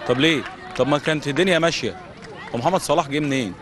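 A middle-aged man with an Egyptian accent, a youth club official answering interview questions on a handheld mic at an outdoor football pitch at night. He argues heatedly and fires off rhetorical questions. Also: rapid-fire, a crowd in the background, noisy background. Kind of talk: studio-style interview answers.

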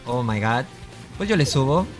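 A young man giving lively gameplay commentary, excitable and repeating his exclamations as he trash-talks opponents. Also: mid-range voice, normal speed. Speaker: gaming YouTuber. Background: background music.

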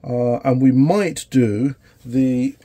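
A British man in his forties, who hosts an electronics repair channel, is giving a casual tutorial in a small electronics workshop while suffering from a cold and a sore throat. His mid-range voice has a dark tone, and he explains things haltingly with lots of fillers.

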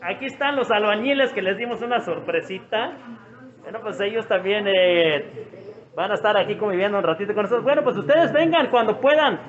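A man's voice: high voice, brisk, muffled recording. A man with a Mexican accent narrating casually as he films around an open-air roadside restaurant, greeting people by name and repeating himself. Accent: Mexican Spanish. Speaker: vlogger showing a restaurant.

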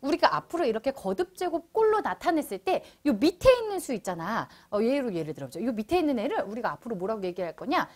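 A young woman teaching middle school math in a bright, high voice. Her pitch leaps and dips all the time, and she keeps the lesson playful and chatty, turning to her students as she goes. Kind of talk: online lecture to middle schoolers.

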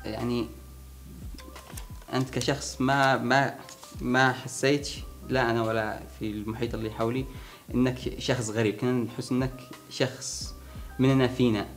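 A young man, answering a friend's questions in relaxed chat, pausing and restarting as he thinks. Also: mid-range voice, faint music behind. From Sanaa region, Yemen. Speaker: conversation partner answering. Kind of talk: casual chat between friends.

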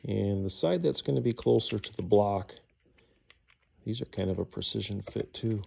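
Talking while he works in his garage, a middle-aged man casually walks through an engine rebuild, muttering to himself as he goes. His voice is lowish and a little mellow, with vocal fry and a breathy edge, at a moderate pace.

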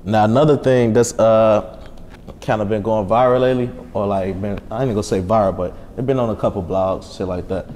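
A man from Chicago hosting his interview show, talking in a relaxed, laid-back way with slang. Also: lowish voice, a little fast. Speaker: interviewer and channel host. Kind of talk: casual interview talk. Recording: echoey room with faint noise.

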